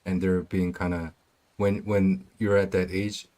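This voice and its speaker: A young man from South Korea with a Korean accent talks in English, his second language. His voice sits very low, and his plainspoken casual chat is hesitant, full of restarts. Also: level tone, measured pace, mellow.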